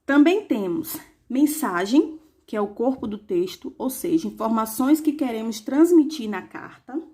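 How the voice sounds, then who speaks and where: Woman teacher spelling out words slowly. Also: on the high side, expressive, warm tone. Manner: slow, clearly spelled-out examples with rhetorical questions. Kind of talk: review lesson for young pupils.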